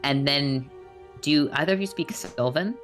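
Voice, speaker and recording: A man's voice: fairly high pitch, a little slow, fairly bright tone, soft background music. A man acting as game master, casually narrating a tabletop role-playing game.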